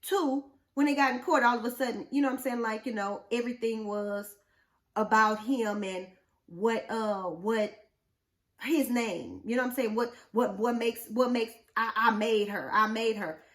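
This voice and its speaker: A woman's voice: a little high, normal speed. A woman co-hosting a casual relationship talk show, speaking bluntly and animatedly with many rhetorical questions. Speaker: podcast co-host. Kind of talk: casual chat.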